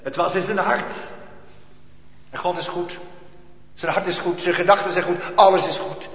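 A man preaching a sermon as pastor, slow and emphatic, his calls swelling and rising. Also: sits high, steady tone, fairly bright tone. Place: church. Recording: echoey church hall, dull sound.

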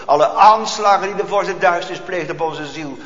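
A man's voice: high-pitched, brisk. Fervent male preacher in an echoing church. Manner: fervent preaching, swings between loud and hushed. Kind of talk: sermon. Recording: echoey church hall, dull lo-fi.

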